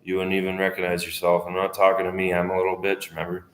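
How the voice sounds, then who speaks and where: A man in his twenties with a deep, low voice rambles to the camera. His talk is profane and loose, often trailing off mid-thought. The sound carries the echo of a reverberant room. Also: completely flat delivery, fast, slight background noise. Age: 20s. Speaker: vlogger. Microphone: camera facing speaker. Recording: echoey room.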